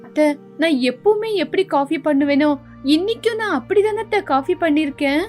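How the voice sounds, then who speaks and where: Brief: woman playing a young daughter-in-law, earnest and pleading, high voice, cartoon story. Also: lively intonation, a little fast, darkish tone, faint music behind. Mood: hurt. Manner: pleading, reasoning. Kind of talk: storybook voice acting.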